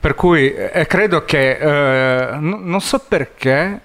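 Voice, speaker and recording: A man's voice: a little high, takes it slowly, fairly bright tone. A man with a foreign accent, speaking a language that is not his native one as a guest in a casual interview. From abroad, outside Italy. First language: not Italian. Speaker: podcast guest, motion designer.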